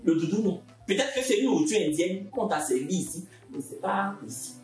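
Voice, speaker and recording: A man with an Ivorian accent telling a story-time vlog in an animated way and mimicking the people he meets. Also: sits high, fairly quick. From Côte d'Ivoire. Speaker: vlogger. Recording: roomy, distant from the mic, faint music.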